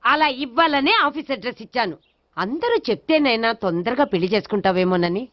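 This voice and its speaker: A woman's voice: a little high, lively intonation, brisk. A woman in a comic film scene, playing a scolding grandmother. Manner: scolding, complaining. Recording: dull film soundtrack.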